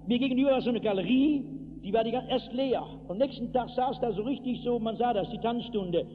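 A man preaching an evangelistic sermon to a hall, telling stories from his own life and breaking into acted shouts. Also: extremely high pitch, fairly quick. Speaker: pastor. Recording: tinny lo-fi hall recording with hiss.

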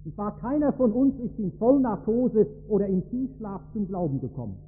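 A man's voice: high voice, lively intonation, moderate pace, breathy edge. A man preaching a sermon, telling stories with emphasis and rising to stress key words. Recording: tinny phone-like sound in a reverberant hall.

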